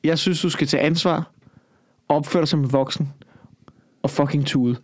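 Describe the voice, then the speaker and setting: A Danish-sounding comedian man co-hosting a podcast, talking in a lively, swearing, repetitive way. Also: on the high side. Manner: animated, swears freely, repeats himself. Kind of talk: casual podcast chat.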